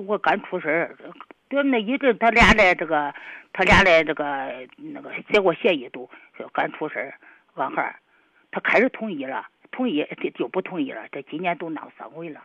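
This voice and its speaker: A woman's voice: sits low, expressive, normal speed, fairly bright tone, no room sound, highs cut off. Stammering older woman. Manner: hesitant, stammering, evasive. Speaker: caller. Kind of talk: call-in radio conversation.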